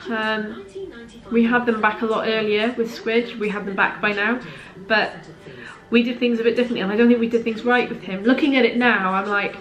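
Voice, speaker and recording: Chatty mum in an echoey room. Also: female voice, a little high, steady tone, a little fast. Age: late 30s. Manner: chatty and heartfelt, rambling asides. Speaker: parenting vlogger. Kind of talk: candid talk to camera. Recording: roomy echo in a home room.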